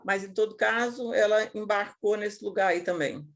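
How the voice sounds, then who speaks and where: Lively woman telling stories to teachers. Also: mid-range voice, normal speed. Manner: lively, colloquial, acts out scenes and voices. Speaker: educator giving a talk. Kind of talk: casual storytelling to teachers.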